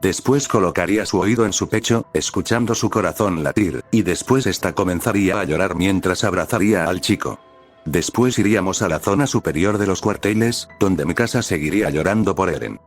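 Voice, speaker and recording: A man reading his own fan fiction aloud as storyteller, in a plain, even way. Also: low voice, fairly quick, soft background music.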